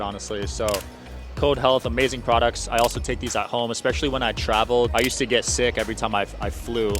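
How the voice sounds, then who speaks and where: Upbeat man reading a sponsor spot. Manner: upbeat, enthusiastic pitch. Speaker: podcast host. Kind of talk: sponsor read. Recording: faint music behind.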